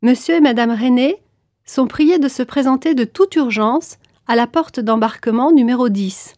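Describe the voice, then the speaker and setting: A woman reading scripted airport announcements in a formal, clearly articulated manner. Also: on the high side, moderate pace, a little mellow, no room sound, studio quality. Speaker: announcer in a listening exam.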